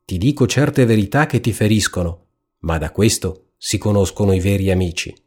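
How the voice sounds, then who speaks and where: A man's voice: on the low side, lively intonation, normal speed, a little mellow, slightly rough. Man doing a scolding know-it-all hen. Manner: scolding, ironic, preachy. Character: fussy self-important hen, female. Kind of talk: storybook reading.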